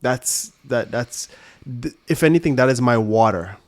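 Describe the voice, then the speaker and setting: A new male guest on a podcast, a sommelier from Brooklyn, New York and Jamaica, chats casually in an interview. His mid-range voice is animated and moderately paced, and he tells stories loosely, swearing and restarting his sentences.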